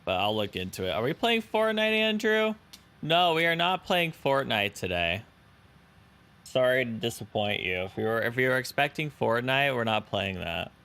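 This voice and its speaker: Very animated, a young man flies a simulator on a live stream, chatting casually with viewers and thanking subscribers. His voice is mid-range and sharp-toned, at a normal speed.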